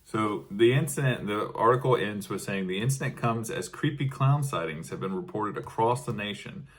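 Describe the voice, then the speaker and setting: A man's voice: fairly low pitch, animated, normal speed. A man co-hosting a casual comedy podcast, reading news clippings aloud with dry, wry asides. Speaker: podcast co-host.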